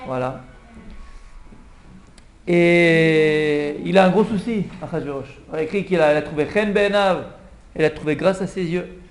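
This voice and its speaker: A man, a rabbi, giving a lively Purim Torah class and acting out the king's pleading for a small audience. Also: a little high, moderate pace, pauses often. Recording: echoey room, faint background hum.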